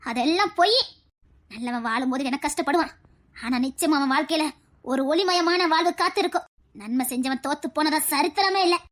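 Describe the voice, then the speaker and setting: A woman's voice: high voice, fairly quick, fairly bright tone. A woman playing a proud, loving elderly grandmother who speaks with a Tirunelveli Tamil accent in a comedy skit, sentimental and preachy.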